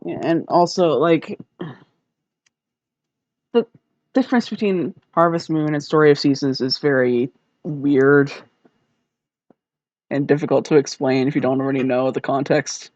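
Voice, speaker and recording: A man's voice: a little high, measured pace, pauses often, darkish tone, no echo. Guy on voice chat rambling thru explanations, kinda muffled lo-fi audio, dry. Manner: explains at length, with filler words. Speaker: podcast co-host. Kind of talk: casual chat. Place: home, on voice chat. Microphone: desk mic over voice chat.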